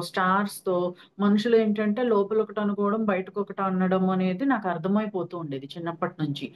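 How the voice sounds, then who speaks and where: A woman's voice: medium pitch, highs cut off, a little hiss or hum. Woman telling a spiritual story. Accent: Telugu. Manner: lively storytelling, acting out her own quoted speech. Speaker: guest speaker on angels and meditation.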